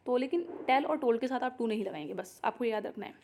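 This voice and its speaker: A young woman with an Indian accent and a somewhat high-pitched voice teaches English grammar for competitive exams. She explains each point step by step, pausing often to check that her students are following. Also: lively intonation, creaky, darkish tone, slight background noise. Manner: explanatory, repeats "ठीक है" to check understanding. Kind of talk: exam-prep grammar lesson in Hindi.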